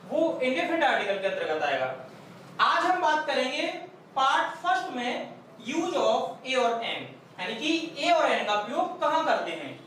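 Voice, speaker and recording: A male teacher giving a patient, step-by-step lecture and repeating each point slowly. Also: extremely high pitch, fairly bright tone. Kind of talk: classroom lecture. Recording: very echoey room, far from the mic, faint noise.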